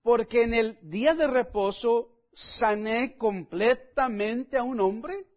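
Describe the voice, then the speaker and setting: Earnest male preacher, high voice, measured slow delivery, leaning hard on key words; muffled lo-fi sound. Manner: earnest, repeatedly addresses listeners as friends; emphatic, stresses key words. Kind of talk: sermon with scripture reading.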